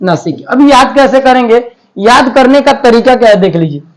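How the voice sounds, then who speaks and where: High-voiced folksy male teacher. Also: lively intonation, moderate pace, poor audio. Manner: folksy, playful, drops into Bhojpuri-flavored dialect with quiz-style questions. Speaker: Hindi grammar teacher. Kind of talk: exam-prep lesson.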